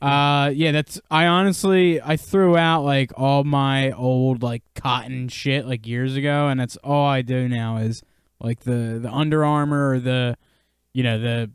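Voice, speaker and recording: A man's voice: mid-range voice, fairly even intonation, a little slow, clear, resonant tone, no room sound, clean studio sound. A man co-hosting a podcast, rambling in crude casual banter with lots of fillers. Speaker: podcast co-host.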